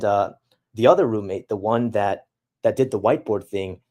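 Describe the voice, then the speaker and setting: A young man streaming, reading out chat messages and answering them in halting, reflective casual talk. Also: on the low side, darkish tone. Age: young adult.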